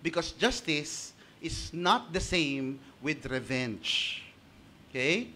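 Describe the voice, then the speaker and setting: A man with a Filipino accent preaching a sermon as pastor, animated and emphatic, switching between Tagalog and English and checking in with rhetorical questions. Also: fairly high pitch, drawn-out words, a little hiss or hum. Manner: animated and emphatic, punctuating points with rhetorical "Okay?".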